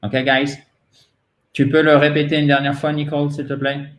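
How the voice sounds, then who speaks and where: A man with a French accent, a native French speaker, teaching English pronunciation in a patient way and repeating words slowly for drilling. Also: on the high side, little pitch movement, echoey room. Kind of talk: pronunciation lesson.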